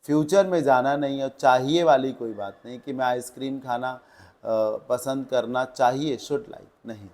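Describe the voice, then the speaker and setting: A man's voice: medium pitch, fairly even intonation, measured pace, darkish tone. A man with an Indian accent teaching an exam-prep grammar lesson. He asks questions and answers them himself, and reads English example sentences aloud word by word.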